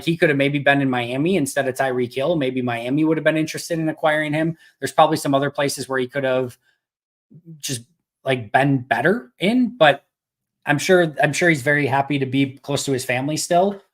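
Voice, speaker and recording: Host, male, casual live-stream Q&A voice, loose and chatty, a bit hoarse. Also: medium pitch, brisk. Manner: conversational, thinks aloud with restarts. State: losing his voice. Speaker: podcast host.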